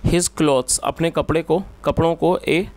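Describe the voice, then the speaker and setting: A man teaching English, reading a story slowly phrase by phrase and then explaining it in quick Hindi. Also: a little high, fairly even intonation, a little mellow, slight background noise. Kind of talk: bilingual English lesson, reading a story line by line and translating.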